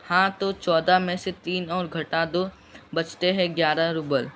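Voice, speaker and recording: Stern, forceful employer voiced by a male teacher, loud and pitched a touch high, in a classroom story reading. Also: little pitch movement, unhurried, a little hiss or hum. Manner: louder, raised, emphatic delivery. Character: stern male employer, mocking then lecturing.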